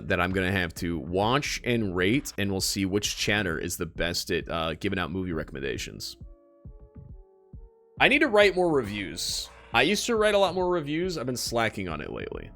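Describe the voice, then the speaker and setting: Animated guy streaming. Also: on the low side. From United States. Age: late 20s. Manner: rambling, self-mocking joking. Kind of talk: casual chat while gaming.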